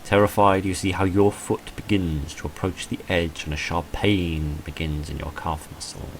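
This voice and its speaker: A man with a low, steady voice reads visual novel text aloud while playing, narrating dramatically like a storyteller and adding dry, casual asides. He speaks at a normal speed, and the audio is poor with noticeable background noise.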